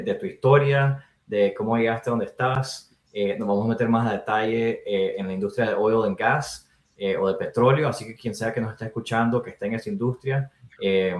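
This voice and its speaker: Upbeat podcast host in a roomy space. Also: male voice, on the low side. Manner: upbeat, with many fillers like "o sea" and "eh". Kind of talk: casual interview hosting. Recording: roomy echo.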